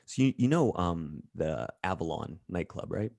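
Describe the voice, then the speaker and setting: A man talking as an interview guest, blunt and profane, telling animated stories in a casual chat. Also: low voice, normal speed, vocal fry, no room sound, clean studio sound.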